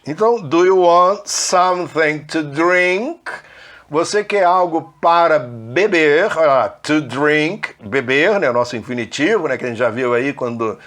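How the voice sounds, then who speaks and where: A man with a Brazilian Portuguese accent teaching an English lesson, explaining slowly and checking in often with the learner. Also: on the high side. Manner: patient, repetitive, checks in with "né?" and "ok?".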